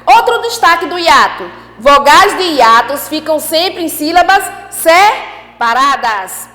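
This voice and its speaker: High lively woman teaching a class, lots of echo and long reverb, keeps repeating the point. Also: slow. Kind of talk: online class lesson.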